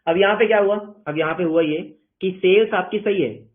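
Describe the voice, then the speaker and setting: The speaker is a male commerce teacher delivering an online accounting lecture at normal speed, his fairly high voice coming through a narrow, tinny, phone-like recording. Playful throughout, he answers his own questions by imitating his students.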